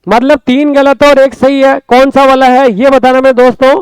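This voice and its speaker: High-voiced Hindi teacher, slow and clear. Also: male voice, little pitch movement, dry recording. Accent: Rajasthani Hindi. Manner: explains step by step, repeating words slowly; often asks the class quick questions. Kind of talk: Hindi grammar class lesson.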